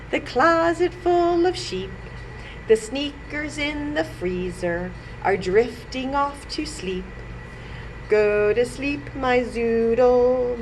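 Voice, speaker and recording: The woman's voice sits high as she playfully chats, reads and sings to little kids during a library storytime. Animated and speaking directly to the children, she's heard on a low-quality recording with noise.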